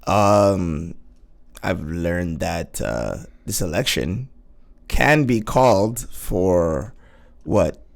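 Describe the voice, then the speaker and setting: A man's voice: sits low, animated, very slow, vocal fry. A man co-hosting a casual political chat, talking in a laid-back, slangy way. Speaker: co-host.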